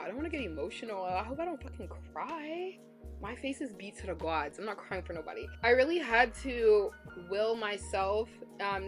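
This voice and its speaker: A young woman vlogging to camera in a frank, chatty way, peppering her talk with "like" and casual swearing. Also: fairly low pitch. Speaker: beauty vlogger.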